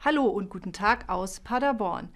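A middle-aged woman, a university lecturer, speaking calmly in a scripted video trailer, recorded in a studio on a lapel mic. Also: medium pitch, normal speed. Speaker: linguistics lecturer, keynote speaker.

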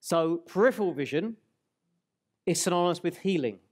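Man, forties, live seminar speaker, somewhat high pitch, audience exercise, headset mic. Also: expressive, a little mellow. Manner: guides the audience through an exercise, slowing on key words. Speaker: speaker and trainer. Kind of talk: live stage seminar talk. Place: large hall stage.

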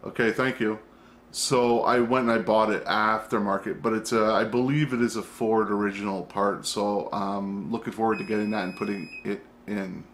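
A man's voice: on the low side, steady tone, normal speed, a bit bright, slight background noise. A middle-aged man hosting his own channel, chatting loosely to camera at home, rambling and self-interrupting, with the odd curse word. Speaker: vlog host. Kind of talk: casual chat to camera. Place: at home, indoors.

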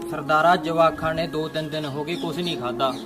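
A man's voice: a little high, steady tone, a little fast, natural voice. A man playing a pleading poor laborer. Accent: Punjabi. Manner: pleading, humble. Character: poor pleading laborer, father of hungry kids.

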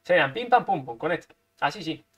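A man's voice: fairly high pitch, animated, a little fast, husky. A man from Spain, commentating his own gameplay live, playful and full of repeated sound effects. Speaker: gaming streamer.

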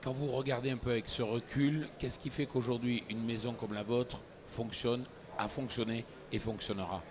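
Middle-aged male fair host, brisk prompts. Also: medium pitch, fairly even intonation. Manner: brisk, steering guests with short prompts. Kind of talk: trade fair interview. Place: trade fair stage, indoors. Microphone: handheld mic. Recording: fair noise clearly audible.

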